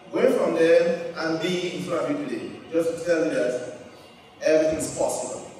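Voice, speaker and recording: A middle-aged man from Cameroon giving a storytelling keynote speech to students on an auditorium stage, holding a handheld mic. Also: fairly high pitch. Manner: storytelling, animated gestures. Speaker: keynote speaker. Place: large wood-panelled auditorium stage. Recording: echoey hall, picked up from far.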